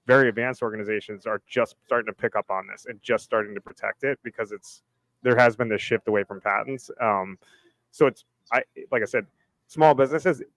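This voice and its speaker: A man's voice: mid-range voice, fairly quick, fairly bright tone, no echo, low-quality recording. A man speaking on a casual panel discussion, loose and full of "like" and "right?". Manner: loose, filler-heavy, says "right?" and "like" often.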